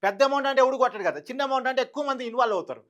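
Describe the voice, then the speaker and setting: High-pitched fiery male commentator. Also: lively intonation, very fast, a bit bright. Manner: emphatic, repeats key phrases, rhetorical questions. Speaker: YouTube news commentator. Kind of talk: fiery opinion monologue.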